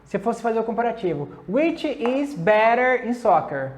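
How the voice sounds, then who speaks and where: A Brazilian woman teaching English comparisons. She says the English examples slowly, then explains quickly in Portuguese. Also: a little high, sing-song. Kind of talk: classroom lesson.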